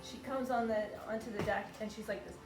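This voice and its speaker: A woman's voice: on the high side, fairly even intonation, fairly quick. A woman telling blunt, teasing family stories in a casual, laughing way. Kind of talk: casual storytelling. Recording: echoey room with loud music.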